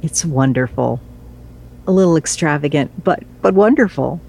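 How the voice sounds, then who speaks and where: An actress playing a cheeky mother in her sixties, wry and lively. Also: deep voice, moderate pace, vocal fry, slightly rough, full character voice. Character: cheeky newly retired mother.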